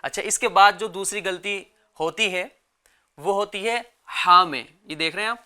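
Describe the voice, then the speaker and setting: A man with a Pakistani Urdu accent teaching children Quran recitation, chanting verses slowly and explaining quickly between them. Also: high voice, sharp tone, smooth. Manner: slow drawn-out recitation, then quick explaining, calls on children to repeat.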